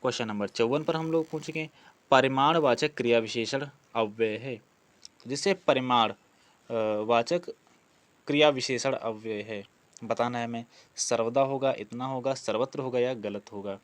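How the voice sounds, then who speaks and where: A man with a mid-range voice speaks unhurriedly, with no room sound. He is a Hindi grammar teacher preparing students for exams, working through practice questions step by step and posing questions he then answers himself.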